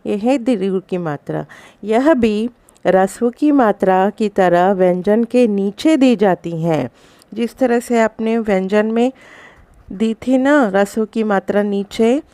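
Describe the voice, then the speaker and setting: A woman's voice: mid-range voice, mellow, no room sound. A woman school teacher giving a recorded lesson to young children, explaining patiently and repeating each point. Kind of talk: recorded online class lesson.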